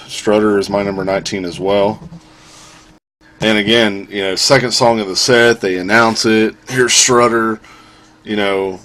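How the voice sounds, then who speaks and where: A man co-hosting a casual music podcast, animated and quick to laugh, imitating drum sounds as he talks. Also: fairly low pitch. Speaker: podcast co-host. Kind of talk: casual chat.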